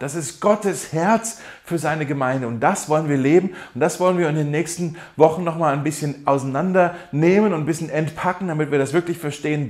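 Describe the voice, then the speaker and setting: A man preaching a sermon in a lively, animated way, acting out quotes and laughing now and then. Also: fairly high pitch. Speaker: pastor.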